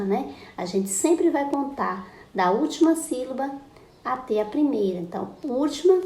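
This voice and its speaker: A woman's voice: a little high, warm tone. A woman teacher, giving a patient lesson and stretching out example words. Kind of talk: recorded school lesson. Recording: echoey room with faint background noise.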